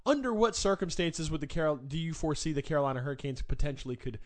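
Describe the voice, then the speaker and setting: A man's voice: a little high, quick pace. A man hosting a sports talk show, asking playful, rambling questions and plugging his guest.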